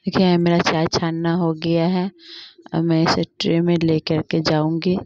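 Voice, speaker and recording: A young woman with a fairly low, slightly mellow voice narrates her evening routine for a family vlog, speaking flatly at a normal speed. She walks through each chore step by step in plain narration, repeatedly saying "dekhiye." The audio is dull, with no room sound.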